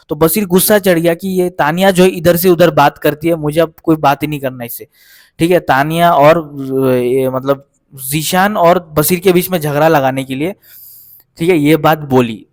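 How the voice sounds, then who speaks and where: A man with a somewhat higher voice talks through a reality show recap off the cuff, rambling from one event to the next. He keeps stopping to check that his listeners follow. The sound is close and dry, with no room around it. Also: dry recording. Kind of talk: casual spoken episode recap.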